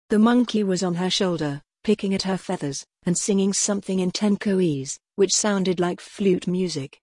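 A woman narrating a children's storybook in a steady, even reading voice, giving the characters quiet voices. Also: on the low side, breathy edge, dry recording. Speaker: audiobook narrator.

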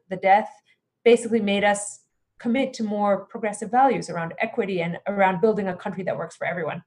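A woman who grew up in Greece, answering interview questions earnestly as a congressional candidate, with many fillers and restarts. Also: mid-range voice.

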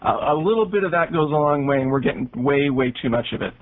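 A man's voice: a little high, lively intonation, fast talker. A man co-hosting a podcast, giving his opinions on a TV show in casual conversation. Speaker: podcast co-host. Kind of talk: casual TV episode discussion. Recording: thin, phone-like audio.

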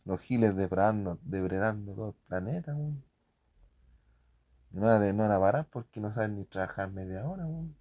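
A man's voice: on the low side, animated, moderate pace, mellow. A man with a Chilean accent rambling casually about print shop work, full of slang and spoken sound effects.

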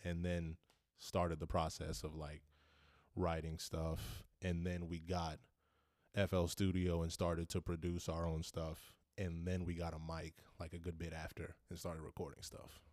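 A young man, a rapper and producer, answering interview questions in a relaxed, rambling way with restarts. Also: deep voice, a little slow, no room sound, studio quality.

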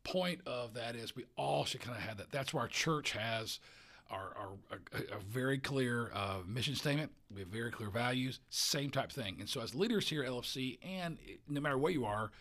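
A male pastor speaks in a relaxed podcast chat, his pitch sitting in an ordinary middle range. He is earnest and often trips over himself, repeating words before pushing on with his point. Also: normal speed. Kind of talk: casual podcast conversation.

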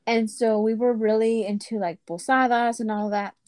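A woman's voice: on the high side, fairly even intonation, normal speed, a little mellow, dry recording. A woman in her thirties co-hosting a podcast, chatting animatedly and slipping Spanish phrases into her talk. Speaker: podcast co-host. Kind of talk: casual chat.

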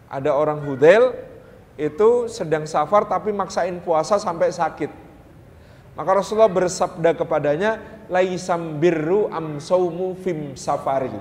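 High-voiced lively preacher. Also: male voice, long reverb tail. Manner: lively, playful, mimics dialects, casual Javanese asides. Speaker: Islamic preacher. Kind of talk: sermon.

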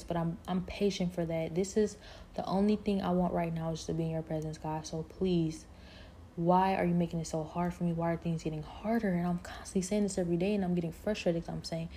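A woman's voice: fairly low pitch, dark tone, slight background noise. Earnest woman sharing a faith testimony. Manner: earnest, repetitive fillers like "like" and "you know"; emotional, reflective storytelling.

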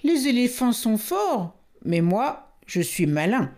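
A woman's voice: fairly high pitch, sing-song, slow, darkish tone, voice pushed up, full character voice. A woman voicing a cheeky, freedom-loving boy in a storybook, defiant and offhand.

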